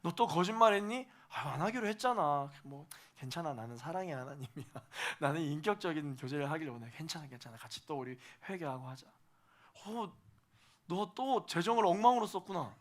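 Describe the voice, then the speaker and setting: A man's voice: high voice, lively intonation, moderate pace, fairly bright tone, pitched above the performer's own voice. A male pastor voicing God as a fatherly figure who speaks straight to a struggling believer, repeating reassurances. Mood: gentle. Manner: speaks directly to the listener in second person, repeats reassurances. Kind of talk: sermon illustration.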